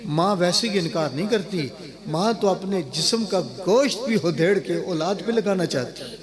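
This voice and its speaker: A man's voice: high voice, lively intonation. A man, a cleric, preaching an emotional sermon and repeating phrases for emphasis. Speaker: Islamic cleric addressed as maulvi. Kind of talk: emotional Islamic sermon to a gathering. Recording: live sermon with crowd noise behind.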